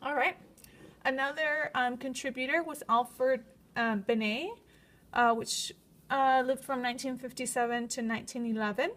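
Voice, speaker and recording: A woman's voice: high voice, a bit bright. A woman with a slight lisp from new braces gives a semi-scripted student presentation, reading prepared points in an explanatory way.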